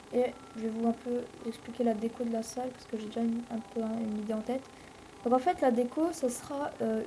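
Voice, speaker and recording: Une jeune femme à l'français commente sa partie de jeu vidéo sur un ton décontracté et bavard, avec beaucoup d'hésitations. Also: female voice, a little high, mellow, slight background noise, rough recording. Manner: rambling, chatty, many fillers. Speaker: let's play host. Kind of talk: casual gameplay commentary.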